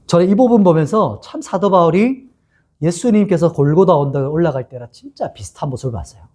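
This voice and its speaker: Animated male pastor preaching. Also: a little high, quick pace. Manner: storytelling with frequent rhetorical questions to listeners. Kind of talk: expository sermon to young adults.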